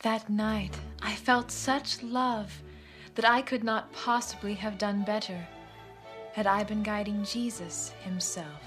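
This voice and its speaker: An actress voicing a young nun's gentle, reflective voice-over narration in a film. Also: female voice, medium pitch, fairly even intonation, faint music behind. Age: young adult. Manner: soft, reflective, measured. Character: young nun recalling her life, gentle and devout.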